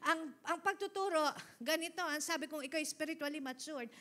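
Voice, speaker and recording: A middle-aged woman pastor delivering an animated sermon, her voice very high and bright. She shifts between loud exhortation and quiet asides, laughing often and prompting the congregation to answer. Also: fairly quick.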